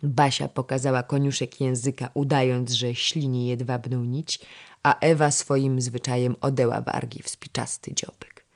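A narrator reading a historical novel in measured storytelling. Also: medium pitch, flat delivery. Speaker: audiobook narrator.

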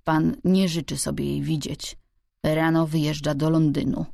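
A woman reading an audiobook, voicing a thin old manservant with a hoarse, slow, formal voice. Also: low-pitched, level tone, warm tone, no room sound, studio quality. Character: thin old male servant, stiff.

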